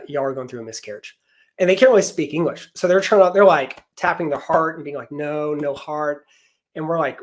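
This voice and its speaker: A man in his thirties, a podcast guest, earnestly telling an emotional personal story about loss and faith. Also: a little high.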